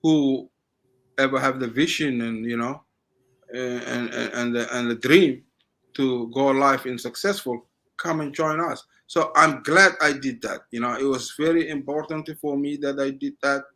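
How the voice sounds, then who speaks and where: Bright-voiced Somali-accented man, halting. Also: mid-range voice, steady tone. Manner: halting, restarts phrases, chatty. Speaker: interview guest. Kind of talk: casual interview talk.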